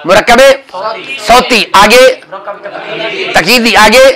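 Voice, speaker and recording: A man teaching a classroom grammar lesson, drilling his students with rapid questions and calling out answers. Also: high-pitched, bright, forceful tone, low-quality recording. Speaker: religious teacher.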